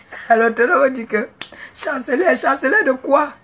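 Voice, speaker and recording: A woman giving a comic rant as a self-styled chancellor, in a rambling, excitable way. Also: sits high, normal speed, slightly rough.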